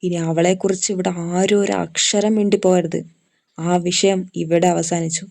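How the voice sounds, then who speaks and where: A woman voicing a furious, hot-tempered young man who shouts stern commands in a storybook reading. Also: on the low side, little pitch movement, normal speed, gravelly.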